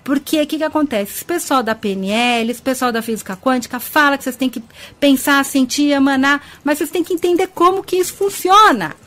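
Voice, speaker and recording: A woman's voice: sits high, brisk, fairly bright tone. A woman radio host with a Brazilian Portuguese accent, chatty and affectionate, greeting listeners by name and laughing often as she talks about spirituality. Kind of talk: web radio talk show on ufology and spirituality. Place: radio studio.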